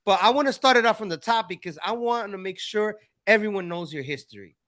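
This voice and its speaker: Talk show host, man, high bright voice, friendly rambling chat. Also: fast talker, no room sound, clean studio sound. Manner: friendly, rambling, repeats words. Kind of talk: casual interview chat.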